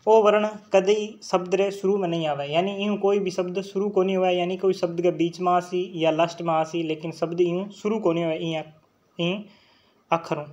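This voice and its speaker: High-voiced Rajasthani teacher drilling sounds. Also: male voice, highs cut off. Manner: drills sounds aloud, checks in with "theek hai" often. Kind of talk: online exam-prep lecture.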